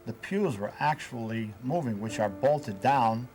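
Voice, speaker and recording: A man being interviewed as a paranormal investigator, telling events in a measured way with hesitant fillers. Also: mid-range voice, lively intonation, darkish tone, rough recording. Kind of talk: interview storytelling.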